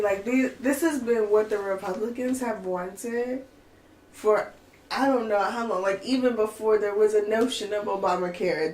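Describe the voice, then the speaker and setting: Podcast co-host, female, animated and exasperated, lots of "like" and "I mean". Echoey room. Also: mid-range voice. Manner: animated, exasperated, ranting with many fillers. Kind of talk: casual chat. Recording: echoey room with faint noise.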